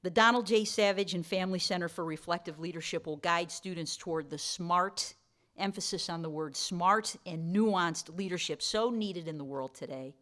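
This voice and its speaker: A woman's voice: lowish voice, normal speed, few pauses, a bit bright. A woman delivering a formal awards-dinner speech as the college's host, with playful asides to the audience. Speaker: college president giving dinner remarks.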